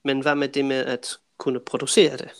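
A man from Denmark hosting a podcast, chatting casually with a guest and explaining things to the listeners in a relaxed way. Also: medium pitch, clean tone. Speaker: podcast host. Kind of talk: casual interview chat.

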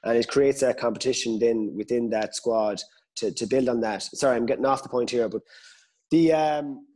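Here the pundit's voice is mid-range and warm, moving at a moderate speed. He's a guest on a podcast talking Gaelic football casually, tentative and often going back over his words while working through his thoughts.

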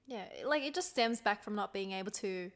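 A woman's voice: medium pitch, expressive, fairly quick. A woman co-hosting a casual chat, laughing often and swearing freely as she reads jokes aloud. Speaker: podcast co-host.

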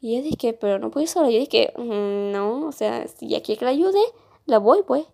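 A woman's voice: on the high side, animated, a little slow, vocal fry, darkish tone. A young woman telling a school story in a casual, rambling podcast chat. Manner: rambling, many restarts and fillers.

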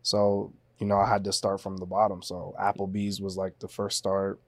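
A man in his twenties from Haiti, a podcast guest telling his story in a relaxed, casual way. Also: low-pitched, moderate pace, no room sound. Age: 20s. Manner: relaxed, storytelling, laughs easily.

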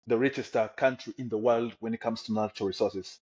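A man's voice: lowish voice, steady tone, fast talker, a little mellow. A young man from the Democratic Republic of the Congo, a podcast guest telling his personal story with energy and enthusiasm. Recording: slightly dull lo-fi audio.

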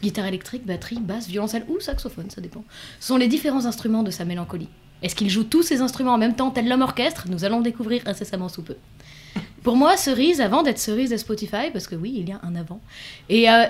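A woman's voice: fairly high pitch, a little mellow. A woman hosting a podcast, playful and lyrical, poking fun at herself. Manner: playful, lyrical, self-mocking. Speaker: podcast host. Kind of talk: podcast intro and casual chat.

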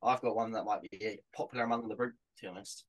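A man's voice: on the low side, fairly even intonation, fast talker, poor audio. A man chatting on a podcast, laid-back and hesitant, often repeating words. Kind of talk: casual podcast chat.

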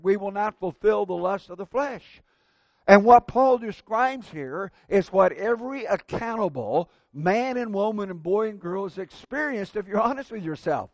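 A man preaching a sermon at a pulpit microphone, earnest and measured, slowing down to stress key words. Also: sits high, no room sound.

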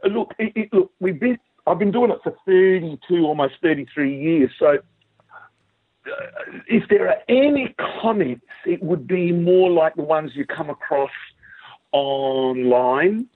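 A middle-aged man with a broad Australian accent tells stories casually in an interview, acting out what people said. His voice is husky and a little high for a man. It comes through a thin, dry phone-like line. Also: measured pace, no room sound. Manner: animated storytelling, acts out quoted remarks. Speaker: singer, interview guest. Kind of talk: casual anecdotal interview chat.

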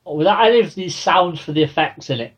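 Husky man stammering into answers. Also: a little high, animated, brisk, muffled recording. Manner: stammers on openings, repeats words. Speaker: podcast co-host. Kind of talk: casual film and TV chat.

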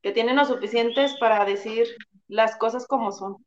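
Woman, brief soft remarks, somewhat high voice, dull sound, a bit off-mic. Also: moderate pace. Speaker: co-host. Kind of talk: casual live-stream chat.

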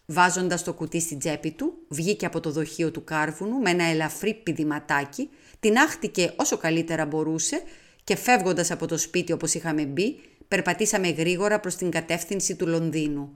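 A woman reading a detective novel aloud as an audiobook, in a measured, expressive way. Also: deep voice. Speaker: audiobook reader. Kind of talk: audiobook narration.

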